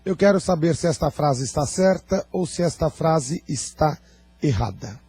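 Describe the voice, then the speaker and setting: A man's voice: a little high, animated, moderate pace, dark tone, slightly rough, dry recording, faint music behind. A man with a Brazilian accent teaching a Portuguese grammar lesson for exam prep, asking his students questions and teasing them dryly.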